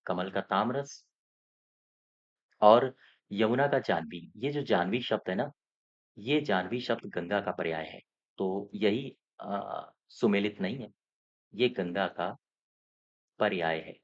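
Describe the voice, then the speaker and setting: A male exam coaching teacher with a fairly low voice goes through mock test answers. He repeats the key points and keeps checking that his students are following. The sound is muffled and lo-fi. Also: slow pace, long pauses.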